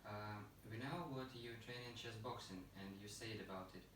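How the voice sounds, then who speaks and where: A man's voice: lowish voice, normal speed. A man whose first language is Russian, interviewing in English, hesitant and searching for words with many fillers. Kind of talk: casual interview questions. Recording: very echoey, distant, noisy room.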